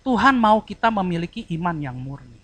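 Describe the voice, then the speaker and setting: A male preacher delivering a sermon with a lively pitch that swings up and down as he acts out different tones of voice. He talks conversationally and keeps quizzing his listeners, and the recording is dry and close. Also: brisk, dry recording. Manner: conversational, mixes colloquial asides into teaching.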